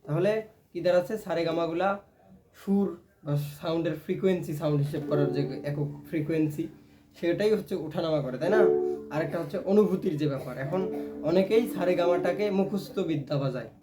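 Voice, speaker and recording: A man gives a relaxed ukulele lesson in a fairly high voice. He explains patiently step by step and keeps asking his viewers if they follow. Clear ukulele plucking sounds behind him. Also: fast talker, loud music behind the voice. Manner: explains step by step, often asks "right?". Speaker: ukulele teacher. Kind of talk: casual music lesson. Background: ukulele playing.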